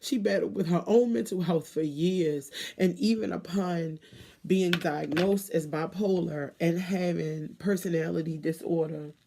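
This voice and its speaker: A woman in her thirties giving a candid, emotional personal monologue to viewers, with emphatic pauses and blunt swearing. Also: lowish voice, vocal fry, dark tone. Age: 30s.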